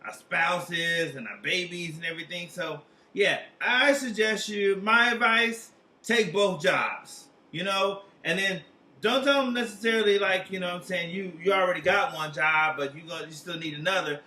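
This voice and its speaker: High-voiced man in an echoey room, rambling profanely. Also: normal speed, bright, forceful tone. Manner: profane, slangy, rambling, repeats tag questions. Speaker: comedic tarot advice hotline host. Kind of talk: comic infomercial psychic hotline, rambling casual advice. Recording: roomy echo, distant from mic.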